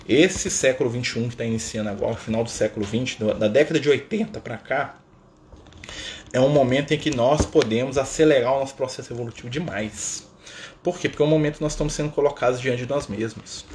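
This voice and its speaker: A man's voice: medium pitch, darkish tone, a little hiss or hum. Chatty man hosting a spiritual live talk. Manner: chatty, constant "né?" tags, playful asides. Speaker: spiritist live-stream host. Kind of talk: casual spiritual talk to viewers.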